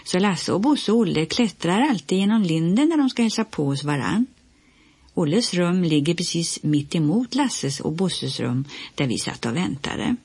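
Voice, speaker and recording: Woman narrator for a kids' audiobook, low, slightly husky voice. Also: sing-song, no echo. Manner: gentle, storytelling. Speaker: audiobook reader. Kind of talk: storybook reading.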